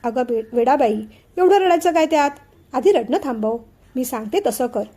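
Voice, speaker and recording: Lady reading as a calm bossy-kind sister-in-law, teacher vibe, high soft voice. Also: normal speed. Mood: reassuring. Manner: soothing, teacher-like instructions. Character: calm, reassuring young sister-in-law, a woman.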